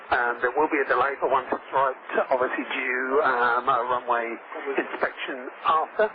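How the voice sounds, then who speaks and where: A man's voice: medium pitch, steady tone, moderate pace. A man working as an air traffic controller, giving radio instructions to aircraft. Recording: noisy, narrow-band aviation radio transmission.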